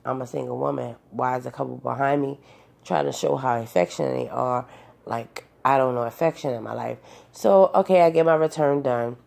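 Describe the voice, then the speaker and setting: Deep, gravelly-voiced woman telling a story. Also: fairly quick, a little mellow. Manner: rambling, with many fillers and restarts. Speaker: vlogger recounting a personal experience. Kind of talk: casual storytelling monologue.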